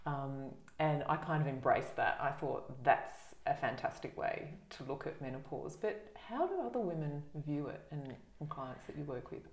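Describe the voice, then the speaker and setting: A middle-aged woman hosting an interview, speaking gently and reflectively with frequent pauses and fillers. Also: sits low, animated, reverberant. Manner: gentle, reflective, with many ums and uhs. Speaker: host. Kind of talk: conversational interview.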